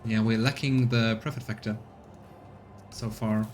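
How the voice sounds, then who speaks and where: A man's voice: fairly low pitch, steady tone, measured pace, faint music behind. A man doing a let's play, switching between casual commentary and reading the game's narration aloud. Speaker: let's player and streamer.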